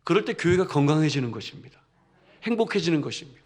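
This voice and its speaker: A male pastor preaching a sermon in an animated way, throwing rhetorical questions at the congregation with humorous asides. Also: on the high side, fast.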